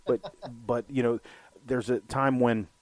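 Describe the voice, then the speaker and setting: A man with an unhurried, mid-range voice and little pitch movement co-hosts a film podcast. He rambles through casual film chat, swearing freely and saying "you know" constantly.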